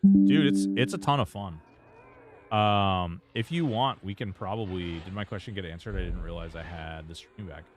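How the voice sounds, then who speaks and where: A man's voice: deep voice, moderate pace, faint music behind. A man streaming a game, chatting casually and rambling with lots of fillers and restarts. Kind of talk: casual gameplay commentary.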